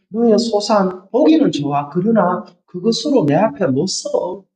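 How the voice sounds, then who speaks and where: A male preacher voicing God, speaking slowly, firmly and solemnly to Cain. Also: sits high, mellow, echoey room, recorded from a distance, rough recording. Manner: slow, solemn, firm.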